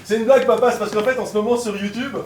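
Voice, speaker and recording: A man's voice: high-pitched, steady tone, racing, background noise, close to an everyday voice. A man in an improv comedy playing an evasive, smug prankster son, hesitant and offhand. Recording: roomy stage from far, crowd behind.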